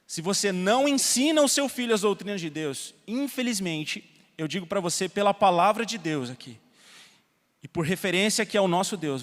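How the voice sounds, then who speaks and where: A Brazilian man preaching a sermon as pastor, telling stories with soft asides and loud emphasis. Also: high voice. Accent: Brazilian Portuguese. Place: church hall. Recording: long reverb of a church hall.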